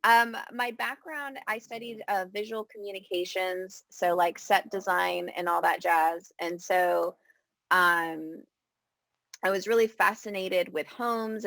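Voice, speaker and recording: Guest type: woman in her thirties from California, gravelly voice, dry close sound, relaxed and chatty. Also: lowish voice, dry recording. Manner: relaxed, chatty, says "like" a lot, acts out her own thoughts. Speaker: feng shui consultant, guest. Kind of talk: casual interview.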